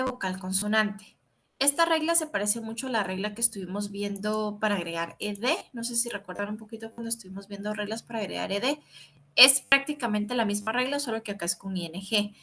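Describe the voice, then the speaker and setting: A woman's voice: medium pitch, bright, forceful tone. A woman English teacher patiently explaining grammar rules in a recorded lesson, spelling out letters and repeating examples.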